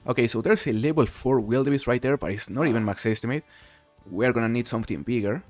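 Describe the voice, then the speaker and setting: Medium-pitched and quick, this man's voice comes through with no room sound and faint background music. A relaxed Mexican host of a casual game stream, he chats with viewers, reading and answering chat while playing.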